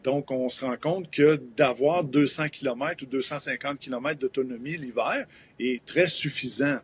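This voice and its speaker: A man's voice: mid-range voice, normal speed, a little hiss or hum. A man in his fifties with a Québécois French accent, a promoter explaining things in a hesitant live TV interview with many fillers, heard over a remote video link. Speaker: event promoter.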